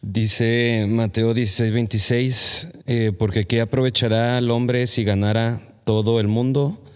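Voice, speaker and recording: A man's voice: medium pitch, flat delivery, unhurried, smooth. A man hosting a church podcast interview, reflective and quoting scripture as he addresses listeners. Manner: reflective, quotes scripture, gives frequent affirming "ujú". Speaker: podcast host.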